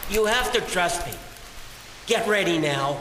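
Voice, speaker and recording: In an audio drama, a male actor plays a kindly passer-by turned rescuer, sounding urgent yet reassuring. His voice is high for a man, a little slow, with lively intonation, surrounded by long reverb and clear hiss.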